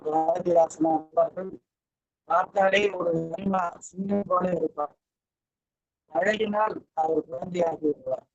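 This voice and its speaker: A man with a high voice speaks in a slow, oratorical way. He is heard over a bad internet connection, so the low-bandwidth video call audio sounds muffled and keeps breaking up. The sound is dry and close, with no room echo. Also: steady tone, faint music behind. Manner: measured, oratorical delivery. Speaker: guest speaker at an online event. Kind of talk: formal commemorative speech.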